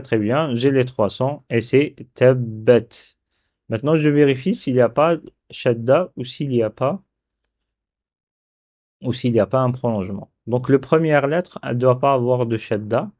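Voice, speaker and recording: A man teaching a dictation lesson step by step, sounding syllables out slowly and repeating them. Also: medium pitch, a little mellow. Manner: slow, repeats syllables aloud. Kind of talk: step-by-step lesson on writing Arabic letters.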